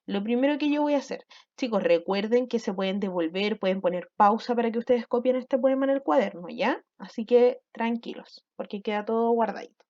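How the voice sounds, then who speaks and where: A woman's voice: on the high side, fairly quick, darkish tone, muffled recording. A woman, a primary school teacher giving a recorded lesson to children, explaining patiently step by step and often checking they follow. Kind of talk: recorded online class for children.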